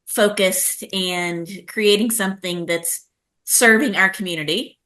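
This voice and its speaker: A woman's voice: medium pitch, unhurried, a bit bright. A woman co-hosting a podcast, chatting casually and effusively. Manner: effusive and enthusiastic. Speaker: podcast co-host. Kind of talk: casual chat.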